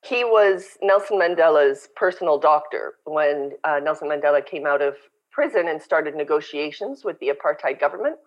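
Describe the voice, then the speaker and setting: A woman raised in Canada, a podcast guest and company founder, chatting and telling lively stories over a remote call. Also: sits low, normal speed, highs cut off. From born in South Africa, raised in Canada. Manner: chatty, storytelling, animated. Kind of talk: casual interview chat. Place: home in Brazil, remote call.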